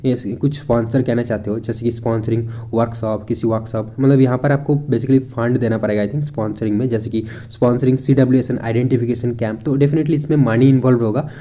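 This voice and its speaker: A young man from India talks viewers through a website in an easygoing, conversational way. His voice is very dark and mellow. He thinks aloud as he goes, mixing Hindi and English and pausing on fillers. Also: medium pitch. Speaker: education YouTuber. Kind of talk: casual screen walkthrough.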